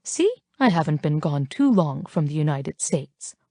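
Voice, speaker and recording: A woman narrator voicing a frank, playful Frenchwoman with a French accent, speaking with unhurried confidence. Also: low-pitched, sing-song, mellow, dry recording, clean studio sound, voice pushed down, full character voice. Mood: teasing.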